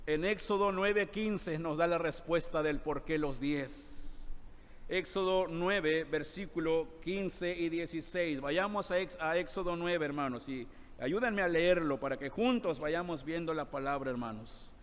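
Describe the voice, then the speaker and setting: A man's voice: a little high, measured pace, clean tone. A man preaching a Sunday sermon as pastor, asking the congregation rhetorical questions and calling them brothers. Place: church sanctuary. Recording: long reverb of a church hall.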